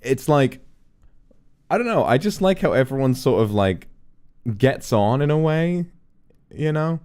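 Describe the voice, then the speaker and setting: A man's voice: mid-range voice, expressive, unhurried, a little mellow, clear, resonant tone. A man chatting casually as a streamer, reacting to a film. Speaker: streamer hosting a film watch-along.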